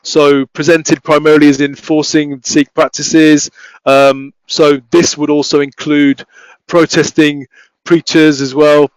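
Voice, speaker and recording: A man giving an academic talk, speaking haltingly with many restarts and fillers. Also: on the high side, flat delivery, clear, resonant tone, no room sound, rough recording. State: voice failing, coughing. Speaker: academic researcher presenting.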